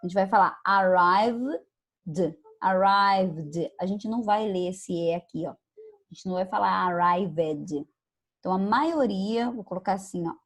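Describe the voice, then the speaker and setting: A woman's voice: medium pitch, normal speed. A woman English teacher from Brazil giving an online lesson, patiently repeating words and checking in with her students. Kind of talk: online lesson explaining pronunciation.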